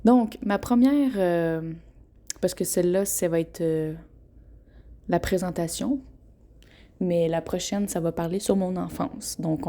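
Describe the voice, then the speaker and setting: A woman's voice: on the low side, dark tone. A woman in her twenties with a Québécois accent, hosting a casual solo podcast, frank and chatty, often laughing and tripping over her words. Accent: Québécois French. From Quebec. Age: 20s. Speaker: podcast host.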